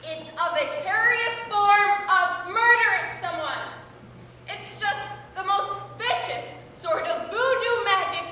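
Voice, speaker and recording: A teenage girl in a stage play playing a petulant, spoiled grown daughter with shrill, melodramatic outbursts. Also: takes it slowly, sharp tone, heavily acted. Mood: indignant. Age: teens. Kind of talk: high school stage play. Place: school theater stage. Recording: echoey hall from far off, faint noise.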